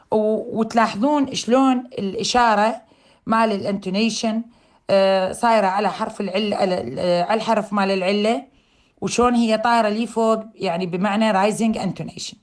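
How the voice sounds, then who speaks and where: A middle-aged woman with an Iraqi Arabic accent lecturing on grammar. She says English terms and example sentences slowly with a rising tone and explains in fast colloquial Arabic. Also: medium pitch. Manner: switches between slow careful English and fast colloquial Arabic.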